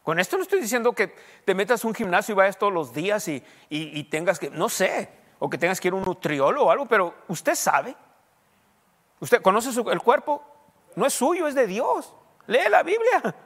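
A man's voice: high voice, expressive, moderate pace, fairly bright tone. A man, a pastor preaching in a conversational way that rises to emphatic questions. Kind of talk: sermon. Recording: long hall reverb.

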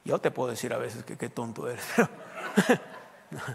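A man preaching a sermon, talking conversationally and then pushing into loud, emphatic bursts. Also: mid-range voice, animated, unhurried, vocal fry, big-room sound, a little hiss or hum. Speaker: pastor.

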